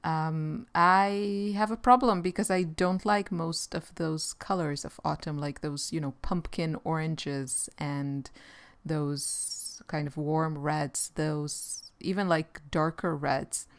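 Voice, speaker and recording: Israeli woman artist host, unhurried easy chat while painting, clear smooth voice, slightly low. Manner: relaxed, rambling, with light laughs.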